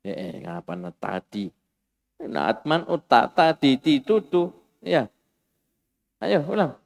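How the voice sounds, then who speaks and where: A man teaching an Arabic grammar lesson in a classroom, lively and animated, acting out exclamations for his students. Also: fairly high pitch, slow, vocal fry, big-room sound. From Indonesia.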